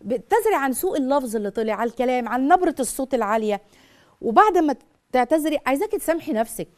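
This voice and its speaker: A middle-aged Egyptian woman hosts a live call-in advice show on parenting. Her voice sits high for a woman and her words tumble out at great speed. She keeps it lively by acting out what mothers say. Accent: Egyptian Arabic. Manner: rapid, animated, acts out mothers' words.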